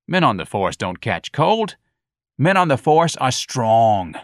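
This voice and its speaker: A man voicing an irritable, bullying police sergeant who shouts at a subordinate, in a read-aloud story. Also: lowish voice, expressive, moderate pace, dry recording, clean studio sound. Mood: gruff. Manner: gruff, shouting.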